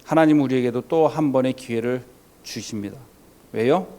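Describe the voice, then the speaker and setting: A man preaching an early-morning sermon as pastor, moving from impassioned, near-shouted passages to hushed, low ones and asking rhetorical questions. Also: moderate pace.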